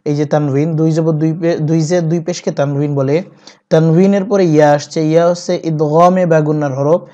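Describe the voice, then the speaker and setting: A man teaching Quran reading, spelling out syllables one by one and chanting each verse slowly. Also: fairly high pitch, fairly even intonation, warm tone. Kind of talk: step-by-step recitation lesson. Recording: dull lo-fi recording.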